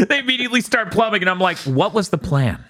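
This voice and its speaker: A man hosting a casual podcast, retelling an episode with lots of laughter and quick put-on voices for the characters. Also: sits high, big pitch swings, a bit bright. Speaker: podcast host. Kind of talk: casual chat recapping an anime episode.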